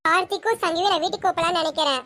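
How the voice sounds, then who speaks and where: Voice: very high voice, very fast, bright, forceful tone. A performer playing a stern but forgiving middle-aged mother in a home-made family serial, speaking with a Tamil accent in a plain, scolding way. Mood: firm.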